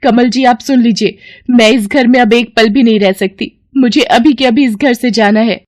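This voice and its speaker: A woman voicing a vain, spiteful young sister-in-law in an animated story, loud and complaining. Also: on the high side, moderate pace, dry recording, clean studio sound, pitched above the performer's own voice, lightly acted. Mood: shrill complaining.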